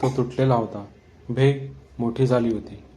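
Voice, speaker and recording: A man narrating a horror story in a calm, measured storytelling manner. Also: medium pitch, slight background noise.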